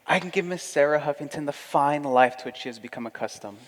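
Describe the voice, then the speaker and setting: An actor playing a vain, pompous young gentleman who is sure of his own worth, in a comic audio drama. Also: on the high side, fast, big-room sound, close to an everyday voice. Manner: pompous, self-satisfied, theatrical.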